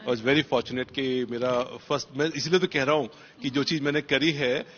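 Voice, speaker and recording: A man's voice: medium pitch, steady tone, normal speed, fairly bright tone, highs cut off. A man, a police officer, answering interview questions in an emphatic motivational way and repeating key phrases for stress.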